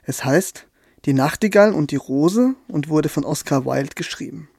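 A man telling a fairy tale in a gentle, measured storytelling manner. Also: on the high side, lively intonation, gravelly, slightly rough, no echo, clean studio sound. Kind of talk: scripted storytelling.

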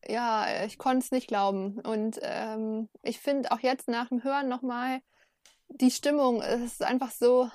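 Woman, podcast co-host, higher voice, eager replies, dry sound. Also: steady tone, a little mellow, no echo. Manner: eager, responsive, quick to agree. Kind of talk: casual chat.

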